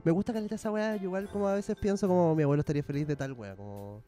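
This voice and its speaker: A young Chilean man co-hosts a chatty comedy podcast. He rattles off anecdotes quickly in a somewhat high voice, packed with slang and laughter. Faint music plays underneath. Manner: slangy, laughs often, animated retelling. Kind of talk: casual chat, comic storytelling.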